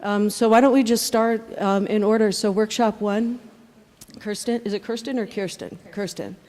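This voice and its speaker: A woman's voice: medium pitch, fairly even intonation, normal speed, a little mellow. Woman moderator, casual and upbeat, handheld mic in a reverberant conference hall. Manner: chatty and upbeat, with loose fillers. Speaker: panel moderator. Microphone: handheld microphone. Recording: long hall reverb, faint noise.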